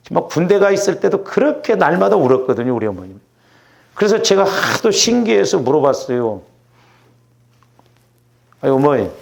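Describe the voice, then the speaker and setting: A man's voice: fairly high pitch, vocal fry, a little mellow. A middle-aged male pastor from the Jeolla region preaching at a Wednesday prayer service in a church, chatty and often asking the congregation "right?". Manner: conversational, keeps asking the congregation "응?". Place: church sanctuary.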